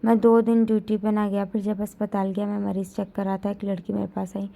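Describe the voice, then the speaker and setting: Female storyteller, gravelly texture, heartfelt first-person narration. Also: mid-range voice, flat delivery, a little fast, warm tone.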